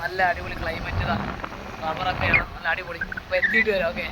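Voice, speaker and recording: Casting: young man, high voice, casual vlog chat mixing Malayalam and English, noisy outdoor recording. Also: monotone, fast talker. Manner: mixes English words into Malayalam. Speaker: travel vlogger. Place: outdoors and on the road. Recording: noisy outdoor phone audio, vehicle sounds.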